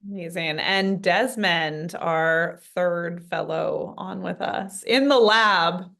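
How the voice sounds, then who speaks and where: A woman's voice: fairly low pitch, takes it slowly, gravelly, a bit bright. A woman on staff hosting a webinar on a video call, moderating and introducing guests in an upbeat, friendly way. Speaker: fellowship staff host.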